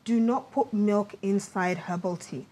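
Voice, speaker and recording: A woman's voice: mid-range voice, unhurried, mellow. Woman etiquette coach giving instructive advice. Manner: instructive, advising in dos and don'ts. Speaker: etiquette coach, guest expert. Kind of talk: conversational TV lifestyle demonstration.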